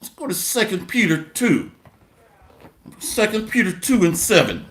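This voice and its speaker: A man's voice: high-pitched, big pitch swings, measured pace, echoey room. A man preaching a blunt, mocking sermon with scripture readings and rhetorical call-outs.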